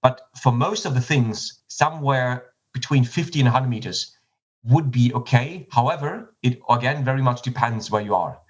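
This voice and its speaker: A man's voice: medium pitch, moderate pace, poor audio. A man from Germany with a German accent, a startup CEO answering podcast interview questions in a technical, explanatory way with frequent restarts and fillers.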